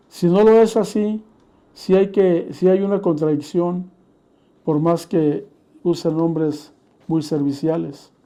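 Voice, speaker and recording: A man teaching in a measured sermon style, steadily citing scripture verses as he explains. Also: on the high side, mellow.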